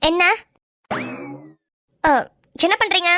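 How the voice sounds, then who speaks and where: Woman voicing a very high-voiced teasing young wife. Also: fairly even intonation, drawn-out words, sharp tone, no echo, studio quality, exaggerated voice. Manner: teasing, haughty. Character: proud young wife, playfully stubborn. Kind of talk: amateur cartoon voice acting.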